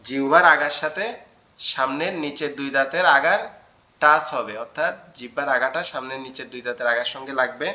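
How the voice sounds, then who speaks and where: A male teacher leads an online class with a bright, forceful voice, patiently repeating each letter sound several times. His audio comes through echoey and a little muffled, as from a video call. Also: medium pitch, steady tone, brisk. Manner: repeats letter sounds in drills, asks "okay?". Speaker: Quran teacher.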